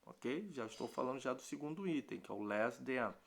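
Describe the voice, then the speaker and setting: Gravelly Brazilian man teaching grammar. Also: medium pitch, expressive. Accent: Brazilian Portuguese. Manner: patient, repeats points and checks with "ok?"; slows down to spell out English terms. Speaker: English teacher. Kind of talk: recorded online grammar lesson.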